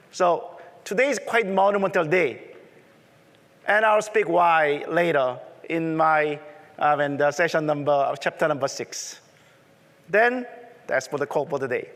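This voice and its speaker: A man's voice: high voice, fairly bright tone. A man with a strong Korean accent and conversational non-native phrasing, presenting a technical talk at a conference. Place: large presentation room. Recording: echoey hall reverb.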